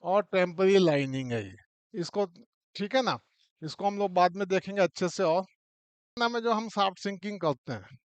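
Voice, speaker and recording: High, crisp-voiced male mining teacher. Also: normal speed, no room sound. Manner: talks through a model step by step, often checks in with the listener. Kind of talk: informal classroom explanation.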